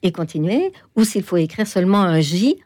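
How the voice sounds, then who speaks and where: A woman guest explaining things in an interview, hesitant, with many pauses and fillers. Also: on the low side, big pitch swings, darkish tone, dry recording, studio quality. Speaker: toponymy expert guest. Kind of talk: interview answers.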